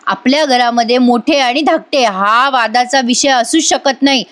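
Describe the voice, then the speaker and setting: A woman's voice: on the high side, normal speed, a bit bright, natural voice. A woman voicing a stern elderly grandmother who scolds the household in a commanding tone.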